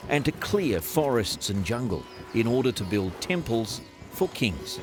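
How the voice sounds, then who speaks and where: Lively male documentary narrator over music. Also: medium pitch, unhurried.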